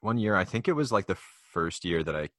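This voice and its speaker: A man's voice: sits low, sing-song, a little fast, fairly bright tone, no echo, studio quality. A young man co-hosting a podcast, talking casually and explaining at length with plenty of fillers and restarts. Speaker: podcast co-host. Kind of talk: casual chat.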